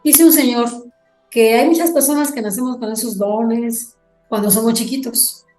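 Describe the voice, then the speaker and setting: A woman, a podcast guest telling a ghost story in an animated way and acting out the dialogue as she quotes it. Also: a little high, normal speed, roomy sound, soft background music.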